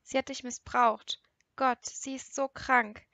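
A grief-stricken middle-aged father breaks down and pleads in a tearful, cracking voice, as a woman reads him. The reading sits on the higher side and is recorded close and dry, like a storybook narration. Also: level tone, slow, bright, forceful tone, no echo, heavily acted. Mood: distraught.

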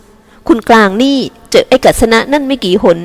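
A woman voicing a resentful teenage girl who speaks slowly and bitterly about her mother, in an audiobook with long reverb. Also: on the high side, a little mellow, pitched above the performer's own voice, lightly acted. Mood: teasing. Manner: resentful, cutting, slow and emphatic.

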